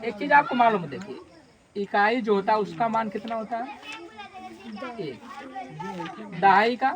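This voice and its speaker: A man's voice: high voice, unhurried, crowd noise. A male teacher giving a classroom maths lesson, repeatedly quizzing his class and answering his own questions.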